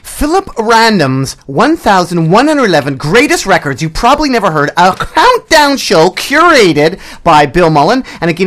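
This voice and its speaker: A man hosting a college radio show from a studio, firing off eager questions and cutting in. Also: sits high. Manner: excitable, interrupting, quick questions. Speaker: radio host.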